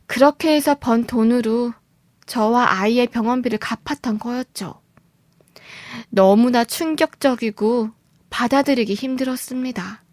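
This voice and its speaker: A woman's voice: fairly high pitch, unhurried, a little mellow, no echo. A woman narrating a first-person story for a story-radio show as a scripted, dramatic reading.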